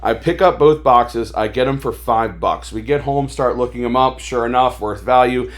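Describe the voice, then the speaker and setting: A man's voice: mid-range voice, normal speed. A man talking as a podcast guest, telling his life story in a rambling, casual way with lots of fillers, animating the voices of people he quotes. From Maryland, USA. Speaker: podcast guest, toy store owner.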